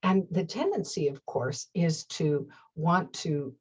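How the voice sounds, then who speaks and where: A woman hosting her own talk show, speaking in a slow, gentle and earnest way, with soft laughs and whispered asides. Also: low voice, expressive, slightly rough, highs cut off. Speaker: host. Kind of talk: reflective talk-show monologue.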